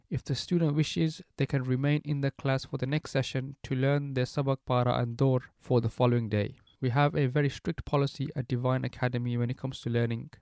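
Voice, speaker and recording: A man in his twenties from Pakistan, an academy founder reading a formal, measured and courteous scripted promotional voice-over. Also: medium pitch, vocal fry, darkish tone, dry recording, clean studio sound. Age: 20s.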